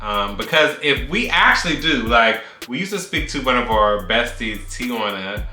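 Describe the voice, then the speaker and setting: A man's voice: medium pitch, expressive, moderate pace, sharp tone. Sassy playful man in his thirties. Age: 30s. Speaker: YouTuber, co-host. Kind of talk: casual chat. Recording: echoey room with faint music.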